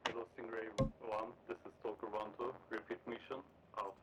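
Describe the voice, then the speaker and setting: A man with a lowish voice comes through a walkie-talkie, working a radio net as a forward air controller. He speaks in short, clipped procedure and reads out grid numbers. The channel carries a noisy hiss behind him. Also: little pitch movement, fairly quick. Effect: over a walkie-talkie radio.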